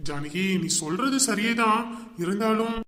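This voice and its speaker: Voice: medium pitch, animated, normal speed, fairly bright tone, lightly acted. A performer playing a meek young husband who hesitates and gives in to his wife. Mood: hesitant. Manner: hesitant, yielding.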